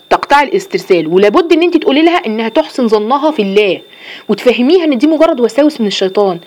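Egyptian woman giving a religious lesson, talks super fast, kinda high voice, lots of questions back at the listeners. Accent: Egyptian Arabic. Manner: earnest, rapid, rhetorical questions. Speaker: religious teacher.

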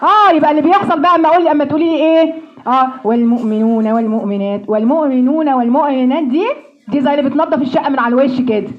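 A woman with an Egyptian accent teaching Quran recitation, drilling sounds slowly and joking with homely comparisons. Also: high voice, lo-fi sound. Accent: Egyptian Arabic. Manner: playful, homely comparisons, slow drawn-out model sounds. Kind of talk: pronunciation lesson with drills.

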